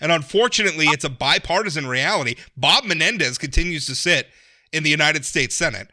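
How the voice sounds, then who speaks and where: A man talking politics in a casual podcast discussion, emphatic and animated, with frequent restarts. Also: fairly high pitch, fairly quick. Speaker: political commentator.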